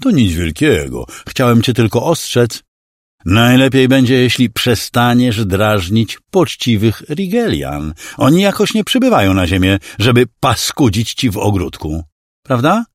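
A man's voice: mid-range voice, big pitch swings, unhurried, no room sound, clean studio sound, voice pushed up. A man voicing a cruel male alien clone villain who mocks and threatens in a condescending, menacing way. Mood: mocking menace. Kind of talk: audiobook character voice.

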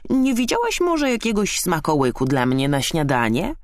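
A man voicing a sleepy, hungry young male hedgehog who talks slowly and cheerfully. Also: a little high, huge pitch swings, dry recording, studio quality, pitched above the performer's own voice. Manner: drowsy, slow and cheerful.

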